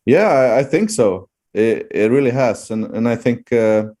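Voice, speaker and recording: A man's voice: mid-range voice, animated, measured pace, warm tone. A man with a Swedish accent chatting casually as an interview guest, hesitant and often searching for words. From Sweden.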